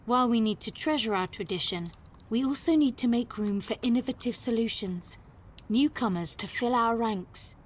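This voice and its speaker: A woman voicing an old winemaker reading a formal farewell letter, slow and hushed, in a whispered role-play. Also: a little high, a little hiss or hum, close to an everyday voice. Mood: solemn hushed.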